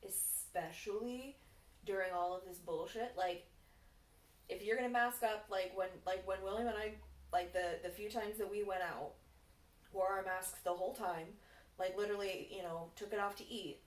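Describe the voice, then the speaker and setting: A young woman chatting casually in a rambling, relaxed stoner way, swearing freely and sounding a bit high. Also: normal speed. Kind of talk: casual chat, Q&A. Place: indoors, on a couch. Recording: echoey room, distant mic, faint noise.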